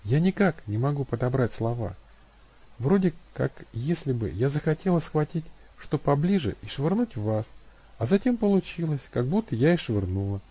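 A man's voice: medium pitch, sing-song, moderate pace, warm tone, husky, muffled recording, voice pushed up. A man voicing a simple, stubborn young woman who pleads in a raised, plaintive voice in an audiobook.

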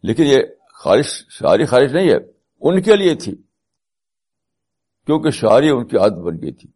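A man's voice: medium pitch, big pitch swings, darkish tone, husky. A man giving a spiritual talk, mixing English terms into his speech and repeating key phrases for emphasis. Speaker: religious speaker.

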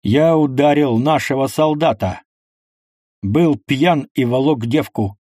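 A man voicing a furious commanding tsar who shouts slowly and sternly. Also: mid-range voice, no room sound, clean studio sound. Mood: angry commanding.

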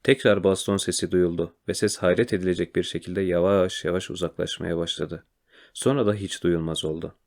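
A man narrating a children's storybook in a quiet, measured way. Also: low voice, fairly even intonation. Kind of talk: storybook reading.

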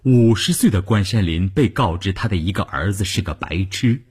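A man reading a novel aloud for radio, highly expressive, sinking to whispers and swelling again. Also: moderate pace, breathy edge.

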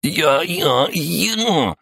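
A man's voice: fairly high pitch, expressive, extremely slow, gravelly, bright, forceful tone, husky, dry recording, clean studio sound, soft background music, pitched above the performer's own voice, heavily acted. A man voicing a tall, arrogant young male street thug who speaks in a nasal, rude, demanding way in an audiobook. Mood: pained. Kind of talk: audiobook character voice.

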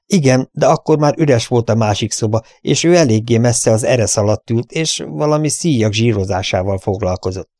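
A man's voice: medium pitch, a little mellow, no echo, voice pushed up, close to an everyday voice. A man voicing a determined young frontier rider in an audiobook, speaking urgently and resolutely. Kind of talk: audiobook character voice.

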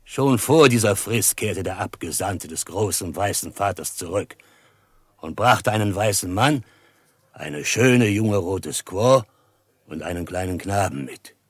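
A male actor gives a full character voice to Matoshako, a dignified Osage chief in a German radio drama who recounts past deceit. His voice sits low with a breathy edge, animated yet unhurried, recorded without room sound, and his delivery is solemn, ceremonious and declamatory like a storyteller.

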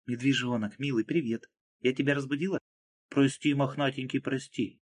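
Man voicing a young woman, breathy, raised pitch. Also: fairly even intonation, normal speed, lightly acted. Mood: teasing. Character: young woman, playful then frightened.

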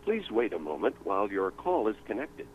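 Man, automated phone prompt over a landline, low voice, lively intonation, muffled lo-fi line, faint hiss. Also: a little fast. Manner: formal, even, instructional. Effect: heard over a landline phone. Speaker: automated call-screening announcer.

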